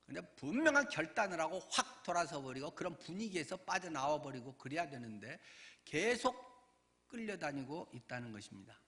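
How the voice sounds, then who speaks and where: Animated pastor preaching, raised voice. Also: male voice, fairly high pitch, fairly quick. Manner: animated storytelling, acts out voices. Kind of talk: sermon.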